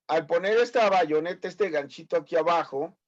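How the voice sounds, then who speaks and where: Man, 50s, Mexican accent, quizzing teacher, higher voice, muffled video-call sound. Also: moderate pace. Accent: Mexican Spanish. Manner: teasing, corrects students, asks many quiz questions. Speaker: medical school teacher. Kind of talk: online class lecture.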